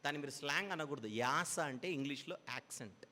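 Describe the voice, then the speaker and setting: A man's voice: on the high side, expressive, quick pace, pushed and bright, big-room sound. A man preaching a Bible teaching sermon, explaining patiently with repeated parallel phrases.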